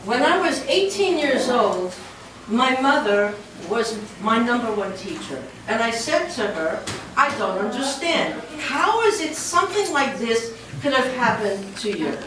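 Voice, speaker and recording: A woman's voice: on the high side, big pitch swings, measured pace. A woman introducing her mother to an audience, emotional and joking by turns. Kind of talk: introduction speech. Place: large room. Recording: echoey hall from far off, with noise.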